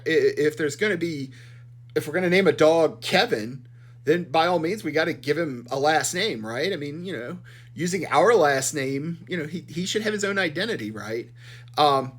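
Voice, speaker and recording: A man in his fifties giving a personal, confessional solo monologue in a halting, hesitant way, with trailing pauses. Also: a little high, a bit bright. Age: 50s. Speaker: podcast host.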